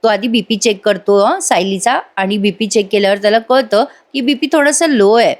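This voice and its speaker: A woman narrates a TV serial episode review in a chatty voice-over. She speaks straight to her viewers. Her pitch sits in the middle range. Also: moderate pace. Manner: chatty, addresses viewers directly.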